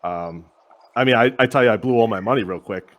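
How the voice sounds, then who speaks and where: A man's voice: on the low side, a little fast, fairly bright tone. A man in his thirties hosting a podcast, chatty and friendly, asking questions and laughing easily. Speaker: podcast host, Marine veteran. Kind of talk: casual interview conversation.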